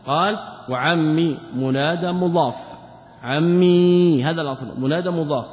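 A man with a fairly high voice teaches as a sheikh, working through a classical text. He asks rhetorical questions, answers them himself, and repeats key terms to drive them home. The recording is muffled and lo-fi, with a long reverb trailing through a large hall. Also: moderate pace. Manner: repeats key words for emphasis. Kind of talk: classical religious lesson commentary.

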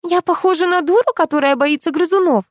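A woman's voice: very high voice, fairly quick, no echo, clean studio sound, voice pushed up. A woman voicing a spoiled teenage girl who squeals and complains indignantly. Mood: shrieking.

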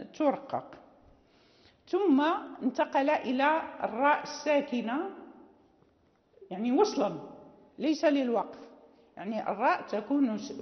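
A woman teaching the rules of Quran recitation, explaining patiently and repeating examples slowly with many pauses and fillers. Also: high-pitched. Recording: roomy, reverberant, dull lo-fi recording.

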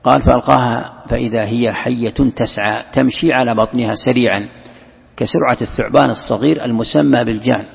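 Gravelly man teaching scripture. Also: medium pitch, steady tone, quick pace. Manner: explains by posing questions and answering them, repeats phrases. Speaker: religious teacher. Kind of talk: lecture on scripture commentary. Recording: echoey hall, dull lo-fi sound.

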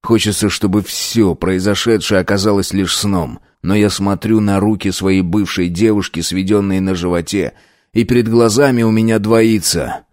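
A man's voice: lowish voice, steady tone, normal speed, a little mellow, no room sound, studio quality. A man reading a first-person novel aloud as an audiobook, tense and brooding. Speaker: audiobook narrator.

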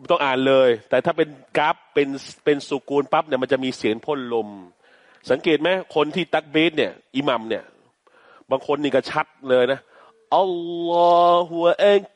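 A man teaching Quran recitation, chanting Arabic verses slowly and explaining pronunciation patiently in Thai. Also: mid-range voice, dry recording. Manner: slow, patient, demonstrates sounds repeatedly, chants verses.

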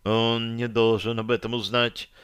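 A man's voice: mid-range voice, little pitch movement, measured pace, a bit bright, clear, resonant tone, dry recording, studio quality, close to an everyday voice. A man reading an audiobook voices a frightened young woman who turns angry.

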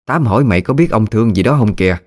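A man's voice: on the low side, lively intonation, racing, darkish tone, voice pushed up. A man voicing an offhand, chatty middle-aged village mother with a Mekong Delta Vietnamese accent.

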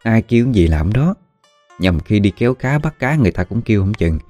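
A man's voice: on the low side, very animated, fairly quick, dark tone, dry recording, soft background music. A man with a Mekong Delta Southern Vietnamese accent telling a village story in a casual, rambling way, with many filler sounds. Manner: folksy, rambling, with frequent "à" fillers.

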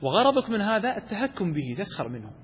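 A man's voice: high-pitched, big pitch swings, fast talker, a little hiss or hum. A man teaching a class on Arabic rhetoric, asking questions and answering them himself, repeating key terms. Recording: long hall reverb.

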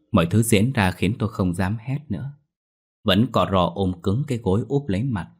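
A man narrates a ghost story. His telling is hushed and suspenseful, steady in its pacing. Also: sits low.

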